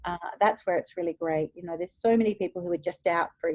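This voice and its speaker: A woman's voice: on the low side, quick pace, darkish tone, no echo. A woman being interviewed as a success coach over a video call. She talks in an earnest, encouraging way and uses many "you know" fillers. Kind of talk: casual interview conversation.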